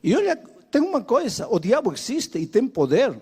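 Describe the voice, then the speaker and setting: Older man, preacher, non-native speaker, high voice, very lively pitch, dramatic storytelling. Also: normal speed, breathy edge. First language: Spanish. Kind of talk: sermon.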